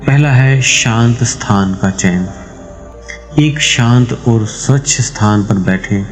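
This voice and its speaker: A man hosting a meditation channel, explaining a meditation practice step by step in a calm, measured, instructive way. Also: medium pitch, faint music behind, low-quality recording.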